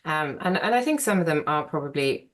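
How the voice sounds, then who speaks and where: A woman's voice: sits low, animated, brisk. A woman archaeologist, a podcast guest, talking in a chatty, rambling way and laughing easily. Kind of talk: conversational podcast interview.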